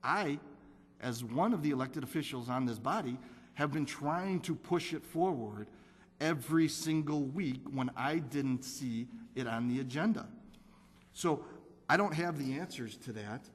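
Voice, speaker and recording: A man's voice: medium pitch, animated, unhurried, husky. A man serving as a city council alderman, giving an earnest, repetitive speech at a council meeting and insisting on data. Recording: council chamber with long reverb.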